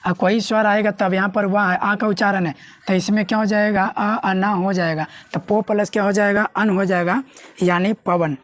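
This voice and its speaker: A woman's voice: mid-range voice, steady tone, moderate pace, dry recording. A woman teaching a grammar lesson, often asking herself questions and answering them. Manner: asks and answers her own questions. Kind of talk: classroom lesson explaining at a board.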